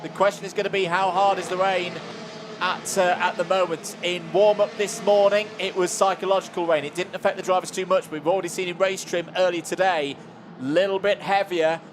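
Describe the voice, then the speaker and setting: Male race commentator, high voice, live play-by-play, conversational, clear track and vehicle noise behind. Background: outdoor race track ambience with vehicles.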